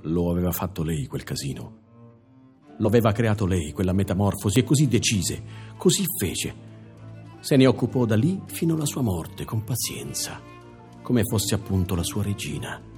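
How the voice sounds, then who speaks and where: A man performing a theatrical monologue, telling the story expressively, moving from hushed to emphatic and speaking directly to the audience. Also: on the low side, very animated, normal speed, soft background music. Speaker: stage performer. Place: theatre stage.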